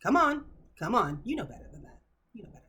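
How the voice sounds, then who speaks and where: A woman's voice: mid-range voice, sing-song, fast talker, fairly bright tone, a little hiss or hum. A woman hosting her own channel, reading online posts aloud and reacting with emphatic, preachy commentary.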